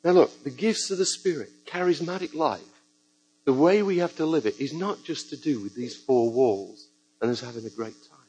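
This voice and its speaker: A man's voice: on the high side, normal speed, slightly rough, rough recording. A man preaching a sermon to a church congregation, telling stories with joking asides. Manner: lively storytelling with joking asides.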